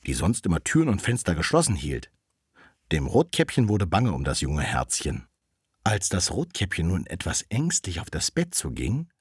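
Fairy-tale reader, male, deep husky voice, animated delivery, dry close sound. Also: no echo. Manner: expressive, animated storytelling. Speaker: storyteller.

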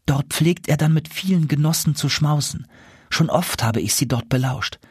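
A sorrowful princess trapped in an owl's body pleads softly in a raised, husky voice, as a man reading a fairy tale puts her on. She sounds lonely and earnest, close and dry on the mic. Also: a little high, moderate pace, no room sound, voice pushed up. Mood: confiding. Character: enchanted princess turned owl, sorrowful.

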